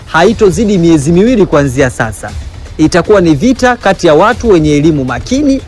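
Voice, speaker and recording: A man's voice: on the high side, big pitch swings, fast, a little mellow, slightly rough, faint music behind. A man doing an emphatic translated voice-over of a speech. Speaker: voice-over interpreter.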